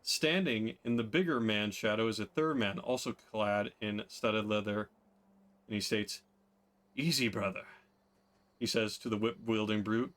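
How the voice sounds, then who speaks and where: A man's voice: fairly low pitch, fairly even intonation, normal speed, fairly bright tone. A man narrating a tabletop game as game master in a casual style, with fillers and laughs.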